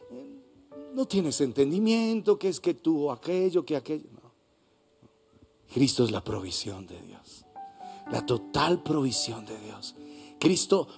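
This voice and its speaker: A man with a Colombian accent preaching a sermon as pastor, swinging between hushed and loud passages. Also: fairly high pitch, creaky, husky. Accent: Colombian Spanish. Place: church hall.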